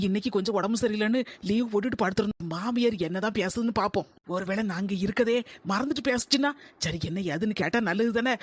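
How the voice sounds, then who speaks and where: A performer voicing a sharp-tongued young daughter-in-law in a cartoon, talking with mocking, sarcastic asides. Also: mid-range voice, no room sound, lightly acted. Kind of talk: cartoon voice acting.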